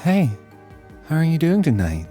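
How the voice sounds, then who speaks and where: A man's voice: a little high, big pitch swings, normal speed, dark tone, faint music behind, pitched above the performer's own voice. A man doing a silky, teasing succubus woman. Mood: flirty. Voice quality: silky, smooth. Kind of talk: horror story narration.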